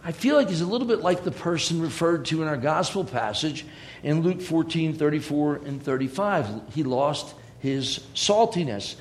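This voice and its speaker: A man's voice: a little high, animated, moderate pace, slight background noise. Man preaching in a chatty, joking way. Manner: conversational, with joking asides. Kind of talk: sermon.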